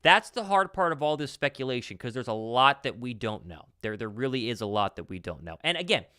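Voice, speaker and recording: A man's voice: medium pitch, sing-song, brisk, bright, forceful tone, smooth, no echo, studio quality. A man co-hosting a casual sports talk show, reading out viewer comments and reacting to them. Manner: reads comments aloud, then reacts.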